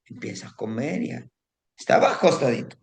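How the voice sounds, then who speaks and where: Male storyteller, rambling oral telling, fry in the voice. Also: medium pitch, sing-song, brisk, a little hiss or hum. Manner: rambling, tag questions and diminutives.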